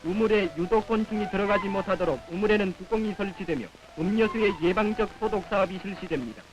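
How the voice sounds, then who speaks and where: High-pitched North Korean male newsreel announcer. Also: quick pace, music in the background, low-quality recording. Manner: solemn, declamatory. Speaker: newsreel narrator. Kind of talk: scripted 1950s propaganda newsreel narration. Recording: old 1950s film soundtrack.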